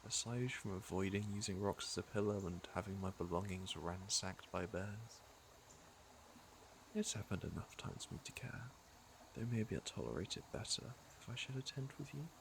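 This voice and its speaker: Against some background noise, a man with a lowish voice speaks at normal speed, playing a fantasy villain in an intimate ASMR roleplay. He addresses the listener directly as "you," smooth-talking, teasing and flirtatious, yet showing a caring side.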